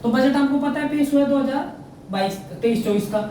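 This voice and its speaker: A man's voice: extremely high pitch, fairly quick, warm tone, far from the mic. Man, exam prep teacher, drills facts by asking and answering, very echoey room, faint noise. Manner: repeats facts, quizzes himself, frequent "theek hai na". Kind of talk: current affairs lesson.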